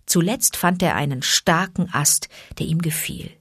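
A woman reads a storybook in an even, measured narration. Her voice sits fairly low, and the recording is dry and close with no room sound. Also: breathy edge, no echo. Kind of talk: storybook reading.

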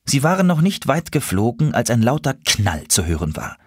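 A man reading a children's story aloud, calm and expressive. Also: medium pitch, normal speed, slightly rough, no room sound, clean studio sound.

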